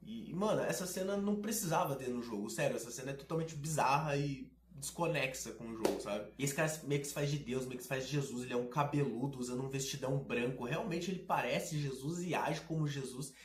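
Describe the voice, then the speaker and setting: A man talks through a video game with casual, sarcastic and slangy commentary. His voice sits at a middle pitch. The recording has a roomy, echoing sound. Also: a little fast, few pauses, noisy background. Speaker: gaming video host. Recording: roomy echo.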